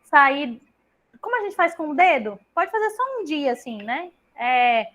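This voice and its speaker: A woman's voice: high voice, sing-song, measured pace, fairly bright tone. A woman, a tutor talking parents through teaching activities in a chatty way, giving examples and checking in with tag questions. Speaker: literacy tutor leading a parent meeting. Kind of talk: online group session, casual explanation.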